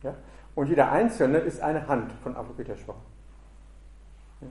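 A man's voice: medium pitch, moderate pace, darkish tone. A man teaching a Buddhist dharma talk, thinking aloud and often checking in with a questioning "ja?". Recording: roomy echo.

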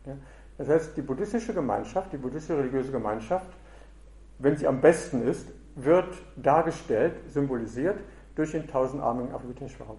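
A man's voice: medium pitch, dark tone. Man, Buddhist teacher, reflective dharma talk, checks in with listeners, roomy echo. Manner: reflective, often checks in with a questioning "ja?".

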